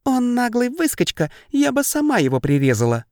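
Мужчина читает аудиокнигу и озвучивает юную вспыльчивую кровожадную дриаду высоким голосом; запись сухая, без эха. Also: male voice, very high voice, huge pitch swings, moderate pace, no room sound, clean studio sound, pitched above the performer's own voice, exaggerated voice. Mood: fierce. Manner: impulsive, sharp outbursts. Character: young female dryad, hot-tempered and bloodthirsty.

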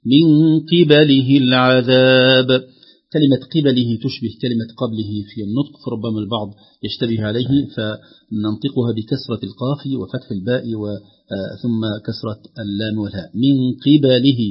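Husky-voiced man teaching Quran recitation. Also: mid-range voice. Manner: calm, methodical, recites examples slowly and aloud. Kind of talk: explaining recitation rules with recited examples. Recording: dull lo-fi radio sound.

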